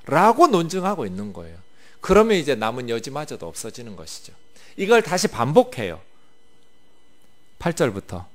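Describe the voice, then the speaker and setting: Man, pastor, sermon, lively swinging pitch, explanatory. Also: moderate pace, long pauses. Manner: animated, explanatory, asks the congregation questions.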